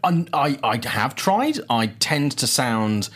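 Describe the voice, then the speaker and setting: A man's voice: medium pitch, very animated, slow, fairly bright tone. A man with a British accent, co-hosting a casual TV after-show chat and musing thoughtfully, often hedging. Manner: thoughtful, hedging, reads chat comments aloud. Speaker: co-host.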